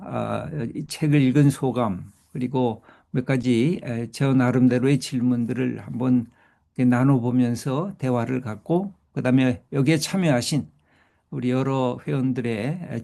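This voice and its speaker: A man moderating an online book talk on a video call, speaking with many drawn-out fillers and pauses. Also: mid-range voice, gravelly, dark tone.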